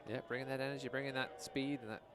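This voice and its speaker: A man's voice: mid-range voice, fairly even intonation, rapid-fire, over a noisy crowd. A man giving conversational analysis as color commentator on a live soccer match. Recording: outdoor stadium noise behind. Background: outdoor stadium ambience.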